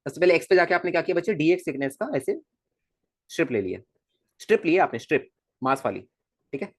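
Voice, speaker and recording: Animated male physics teacher, dry room. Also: fairly high pitch, quick pace, no room sound. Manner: animated, coaxing, repeats questions to students. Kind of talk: recorded classroom lecture.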